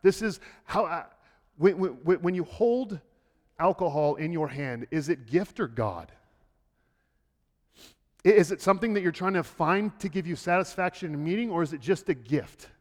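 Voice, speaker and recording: Pastor guy preaching, restarts words a lot, goes loud then real quiet, fairly high voice. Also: lively intonation, moderate pace. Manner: swings from loud, high bursts to quiet, low intensity; repeats words when starting a thought. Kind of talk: sermon. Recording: long hall reverb.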